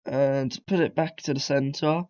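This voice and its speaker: A man with a steady, mid-range, slightly mellow voice speaks a bit slowly on a lo-fi recording. He's making a casual beginner coding tutorial while sick with a cold, drifting off track, correcting himself, and filling gaps with ums and throat clearing.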